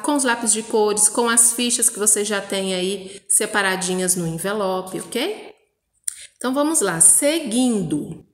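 A woman from Brazil teaching a math lesson to young children, speaking patiently and sounding out words for them. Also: medium pitch. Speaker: primary school teacher. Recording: echoey room with long reverb.

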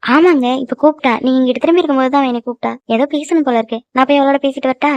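Woman as an evasive cartoon girl, high hurried stammer, dull dry sound. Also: no room sound, natural voice. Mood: flustered. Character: young woman, flustered and evasive.

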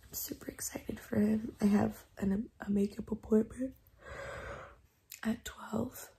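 A young woman vlogging in a soft whisper because she has lost her voice, chatty and full of "like". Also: fairly high pitch, steady tone, unhurried, creaky, husky. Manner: chatty, many "like" fillers. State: whispering, voice mostly gone. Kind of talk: casual vlog chat. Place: home, then car and outdoor field. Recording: loud background noise.

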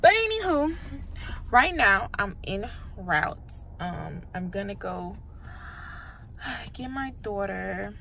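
A woman's voice: mid-range voice, big pitch swings, takes it slowly, gravelly, long pauses, bright, forceful tone, a little hiss or hum. A woman, chatting casually in a rambling vlog with lots of fillers. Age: 20s. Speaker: vlogger. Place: on the go, outdoors and in a car.

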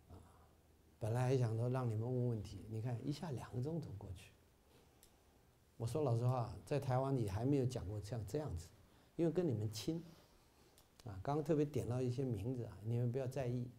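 This is a middle-aged man, talking to his volunteer community in a relaxed dharma-talk manner. His voice sits at an ordinary pitch with a warm, dark tone. He leans on filler sounds and then pushes upward into earnest, emphatic stretches. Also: slight background noise. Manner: warm exhortation with frequent "啊" fillers, rising to emphatic peaks. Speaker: volunteer leader giving a talk. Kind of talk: informal Buddhist dharma talk. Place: bookstore meeting hall.

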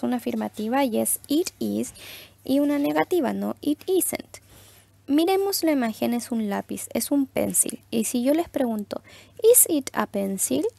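A young woman teaching English to first graders, saying model English phrases slowly and with emphasis. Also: sits high, gravelly, darkish tone, no echo. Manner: slow, exaggerated English model phrases between Spanish explanations. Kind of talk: recorded lesson for first graders.

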